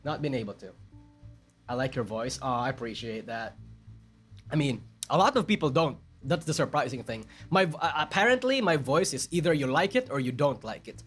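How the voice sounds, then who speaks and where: A man's voice: medium pitch, animated, brisk, a bit bright, breathy edge, soft background music. Filipino-accented man chatting on stream. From Philippines. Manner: rambling, self-deprecating, answers chat messages. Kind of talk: casual live-stream chat.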